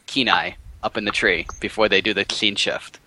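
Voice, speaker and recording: A man co-hosting a casual movie podcast, explaining scenes with quick restarts. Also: on the low side, steady tone, bright, forceful tone, slight background noise, poor audio. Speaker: podcast co-host.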